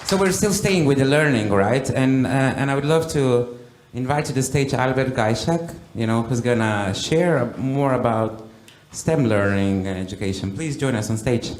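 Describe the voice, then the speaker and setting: A man's voice: mid-range voice, lively intonation, moderate pace, few pauses. A man moderating a conference panel, asking questions and introducing the next speaker, with brief affirming interjections. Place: conference stage. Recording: roomy hall with clicks and noise.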